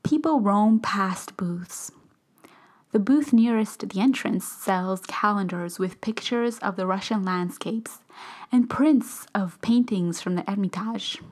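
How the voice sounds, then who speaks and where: A woman reading a first-person story aloud, often slipping into a soft whisper. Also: medium pitch, slow pace. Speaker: narrator.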